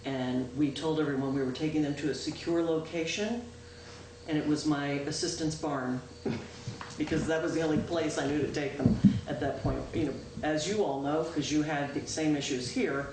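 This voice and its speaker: A woman town clerk, speaking at an extremely low pitch but loudly, gives the town board a chatty, informal report at a public meeting. Her delivery is full of "um" pauses and self-corrections. Captured from a distance by a room mic in the town meeting room, the local-access audio is echoey and noisy.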